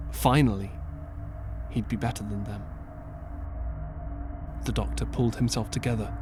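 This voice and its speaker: Over clear background music, a man with a mid-range voice narrates a scripted audiobook story in a measured, earnest way, using dramatic pauses.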